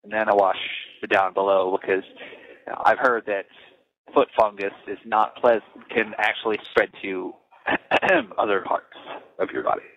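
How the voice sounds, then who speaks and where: A man with a low, gravelly voice speaks over a recorded prison phone line. The sound is muffled and lo-fi. He talks in a calm, matter-of-fact, unhurried way. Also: a little hiss or hum. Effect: recorded prison phone call. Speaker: inmate on a phone call. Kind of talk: casual phone chat.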